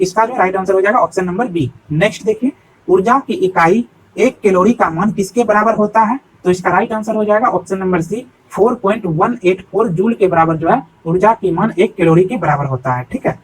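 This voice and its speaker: A young man, an exam coach, reading through practice questions and their answers in a steady, repetitive teaching patter, calling his viewers friends. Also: sits high, slightly rough, rough recording. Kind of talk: exam practice-set walkthrough.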